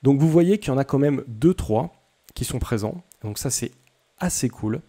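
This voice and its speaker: A man's voice: medium pitch, lively intonation, moderate pace, mellow. A young man hosting a casual coding tutorial, chatty and self-deprecating, with many hesitations.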